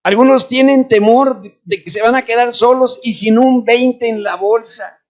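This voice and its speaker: Male pastor, sermon delivery, high pitch, rhetorical and shifting in volume. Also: moderate pace. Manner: preaching with rhetorical questions and shifts between loud and quiet. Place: church.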